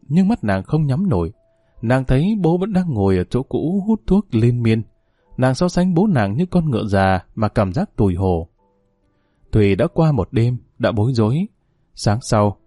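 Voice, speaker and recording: A man giving a measured, emotive scripted narration of a novel. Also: mid-range voice, warm tone, no room sound, studio quality.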